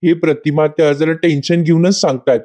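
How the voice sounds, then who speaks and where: A man's voice: a little high, fairly even intonation, a little fast, mellow. A man narrating an episode recap, speaking straight to viewers. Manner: addresses viewers directly. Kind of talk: casual retelling of a TV episode.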